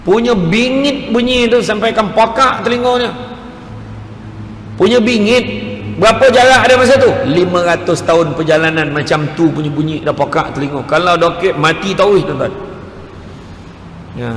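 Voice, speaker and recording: A man with a Malaysian Malay accent preaching a lively religious lecture, acting out voices and swinging between loud and hushed. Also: high-pitched, a little hiss or hum. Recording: echoey hall, faint ambience.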